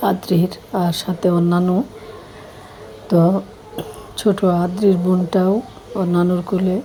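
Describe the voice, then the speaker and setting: A middle-aged woman with a slightly hoarse voice, chatting easily and rambling as she talks to her viewers. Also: on the low side, a little hiss or hum, rough recording. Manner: easygoing, rambling, warm well-wishing to viewers. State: hoarse at night. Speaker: vlogger. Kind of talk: casual vlog narration.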